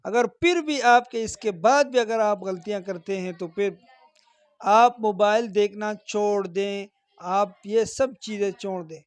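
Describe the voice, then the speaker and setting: A man teaching Quran recitation in a stern, corrective lesson, drawing out each demonstrated phrase slowly and repeating his points insistently. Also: high voice, clear, resonant tone, no room sound.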